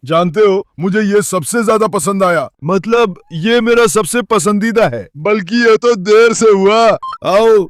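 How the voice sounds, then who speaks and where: A man's voice: high-pitched, a little slow, hardly any pauses. A young man casually talking on a vlog, coaxing and calling to his dogs. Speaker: vlogger with dogs.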